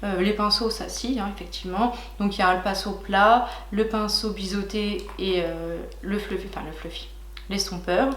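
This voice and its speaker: A young woman chatting warmly to her viewers while unboxing makeup, gushing and filling pauses with little hesitations. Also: medium pitch, steady tone, roomy sound. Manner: chatty and gushing, many fillers, talks to viewers as "licornes". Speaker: beauty vlogger. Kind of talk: casual makeup haul chat.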